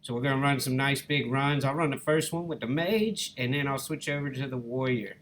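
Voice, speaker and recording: This Alabama man from the United States speaks at a medium pitch and a fairly quick pace, with slight background noise. He's a gaming channel host with a Southern Alabama accent who gives easygoing, folksy, casual commentary on his gameplay and addresses viewers as "guys" and "y'all."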